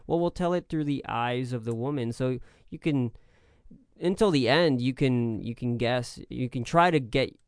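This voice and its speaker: A man co-hosting a casual movie podcast, talking in a measured, explanatory way. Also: medium pitch, clear, resonant tone, no echo, clean studio sound. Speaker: podcast co-host.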